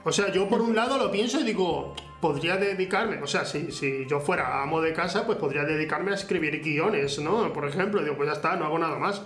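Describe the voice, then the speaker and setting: A man's voice: on the high side, brisk, hardly any pauses, a bit bright. A young man from Spain hosting a casual chat, hesitant, filling gaps with "eh" and restarting his sentences. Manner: hesitant, lots of eh and restarts, laughs easily. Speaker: host. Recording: echoey room with faint music.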